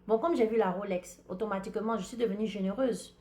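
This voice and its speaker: A woman with an African French accent hosts a podcast, her medium-pitched voice moving fast as she chats about a personal story. She speaks directly to her listeners in a casual, lively monologue.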